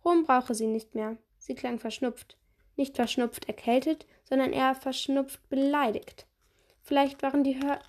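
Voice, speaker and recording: A woman's voice: high-pitched, a little mellow. A woman reading a children's novel aloud steadily, with small slips and restarts. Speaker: podcast reader.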